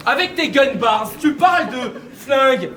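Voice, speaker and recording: A man's voice: very high voice, lively intonation, measured pace. A man with a Québécois accent delivering a mocking, punchy rap battle verse. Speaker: battle rapper. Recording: distant mic in echoey venue, loud crowd.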